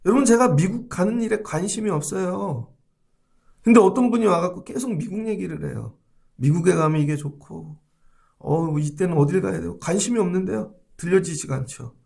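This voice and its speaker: A man preaching a dawn sermon as a pastor, with a fairly high voice and a gravelly edge. He talks to the congregation conversationally and keeps asking them questions. He acts out short everyday dialogues to make his points. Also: brisk, a little mellow.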